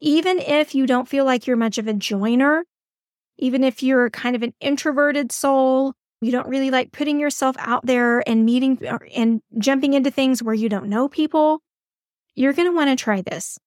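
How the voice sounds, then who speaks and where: A woman's voice: high-pitched, moderate pace, no echo, studio quality. A woman podcast host who works as a school counselor, giving upbeat, encouraging advice in a chatty coaching tone. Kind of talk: casual coaching monologue.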